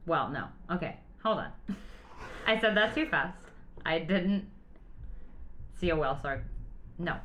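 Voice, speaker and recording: A woman co-hosting a casual podcast, telling stories in an animated way and laughing often. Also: low-pitched, measured pace, pauses often, a little hiss or hum. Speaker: podcast co-host.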